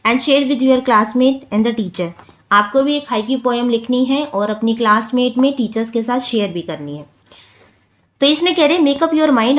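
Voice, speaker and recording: Patient woman teaching a poetry lesson. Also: a little high. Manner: reads English lines slowly, then explains them in Hindi; patient, counts syllables out loud. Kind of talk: explaining a school English lesson in Hindi.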